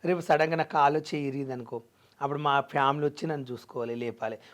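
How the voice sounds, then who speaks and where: Fast-talking earnest man. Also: a little high, steady tone. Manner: earnest, emphatic, mixes English phrases. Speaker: interview guest. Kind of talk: emotional personal interview.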